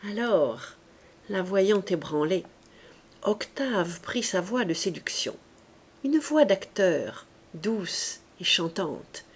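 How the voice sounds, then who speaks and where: A woman narrating a classic novel as an audiobook, with measured, even storytelling. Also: lowish voice, slightly rough. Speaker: audiobook reader.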